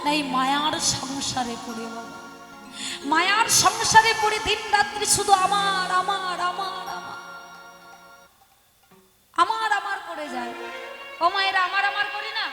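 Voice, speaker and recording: Female kirtan preacher, very high pitch, dramatic and questioning, long hall reverb. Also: expressive, measured pace, pauses often. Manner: addresses the audience as mothers, asks questions; dramatic swings from soft to loud. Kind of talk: devotional kirtan sermon. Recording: echoey hall with music behind. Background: instruments playing.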